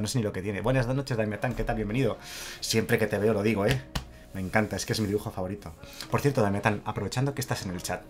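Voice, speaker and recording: A chatty male streamer, greeting viewers by name and laughing easily. His voice sits somewhat low. Faint background music plays beneath his talk. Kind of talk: casual live-stream chat.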